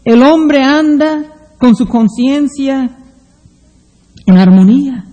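Male preacher, very high mellow voice, slow measured sermon with scripture reading, long hall reverb. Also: animated. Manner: slow, deliberate preaching, reads Bible passages aloud.

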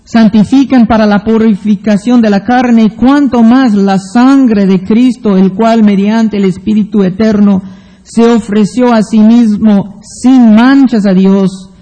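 A man preaching a sermon, reading Bible passages aloud in a slow, deliberate way. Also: sits high, fairly even intonation, dark tone. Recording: long hall reverb.

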